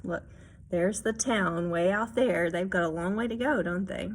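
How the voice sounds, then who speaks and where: A woman storyteller reads a children's picture book aloud with expression, pausing to explain things and ask check-in questions of her young listeners. Her voice is lowish.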